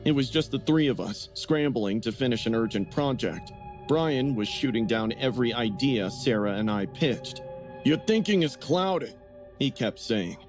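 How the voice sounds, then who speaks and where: A man narrating a first-person story in a scripted, even telling. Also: mid-range voice, normal speed. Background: music.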